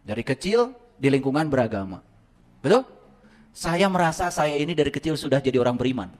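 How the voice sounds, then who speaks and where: A middle-aged man preaching to a live audience, telling his own story and swinging between loud exclamations and hushed asides. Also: mid-range voice, sing-song, a little fast. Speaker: Islamic teacher.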